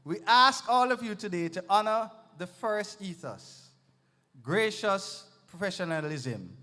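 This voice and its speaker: A woman giving earnest, measured opening remarks at an event and introducing the emcee. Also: lowish voice, a bit bright. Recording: long hall reverb.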